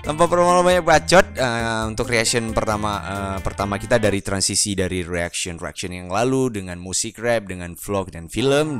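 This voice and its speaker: Young Acehnese man hosting a playful, slangy reaction vlog, low-pitched, over background music. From Aceh, Indonesia. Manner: playful, joking, slangy, chuckles often. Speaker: YouTuber reacting to videos. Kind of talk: casual reaction commentary.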